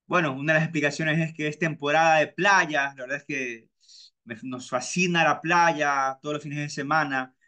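Chatty man with a bright voice. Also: fairly even intonation, moderate pace. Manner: chatty, repeats himself, mimics friends with high-pitched voices. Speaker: podcast host. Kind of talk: casual personal storytelling monologue.

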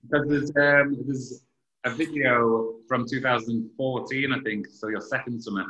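Man interviewer, casual and chatty, bright tone, roomy sound. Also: medium pitch, fairly even intonation, dull audio. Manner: chatty, quick bursts, laughs often.

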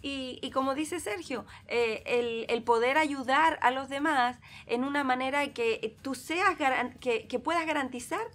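A middle-aged woman hosts a talk show from an armchair on a TV studio set, speaking warmly and reflectively and bringing God into the conversation. Her voice sits high, and she talks a little slowly with hardly any pauses.

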